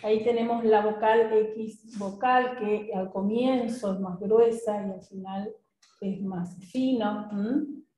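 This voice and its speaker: A woman teaches a recorded class, taking her time over each point and pausing to check that her students follow. Her voice is mellow and unhurried. The room around her adds a noticeable echo. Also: mid-range voice, fairly even intonation. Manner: patient, explanatory, checks in with students. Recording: echoey room.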